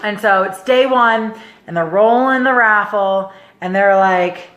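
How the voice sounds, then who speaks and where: A young woman coach telling a personal story to camera in a casual, animated way. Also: medium pitch, unhurried. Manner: animated, chatty, acts out others' voices. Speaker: life coach. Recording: echoey room.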